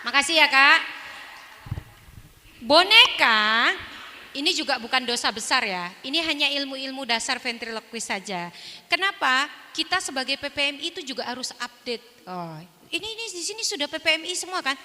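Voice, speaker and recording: A woman teaching a ventriloquism workshop, in a lively, chatty way, demonstrating as she goes. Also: sits high, moderate pace, big-room sound, a little hiss or hum. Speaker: ventriloquism instructor.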